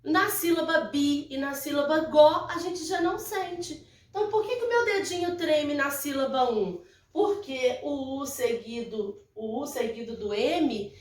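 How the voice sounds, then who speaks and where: A Brazilian woman teaching a recorded lesson to young children, explaining patiently and repeating herself, often checking that her pupils follow. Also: high-pitched. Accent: Brazilian Portuguese. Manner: slow, patient, repetitive explaining with check-ins. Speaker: primary school teacher. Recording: echoey room, mic at a distance.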